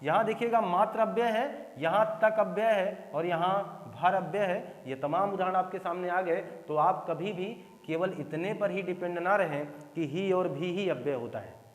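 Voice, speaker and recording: A man's voice: high-pitched, roomy sound, in a large hall, low-quality recording. A man teaching a grammar lesson for exam preparation, repeating each example and checking whether his students follow. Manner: explains by repeating examples, asks students if clear.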